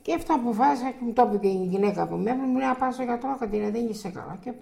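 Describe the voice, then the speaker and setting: Gravelly older woman recounting her past. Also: fairly high pitch, dark tone. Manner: rambling, halting storytelling with restarts and quoted dialogue. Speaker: interviewee. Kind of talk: oral history recollection.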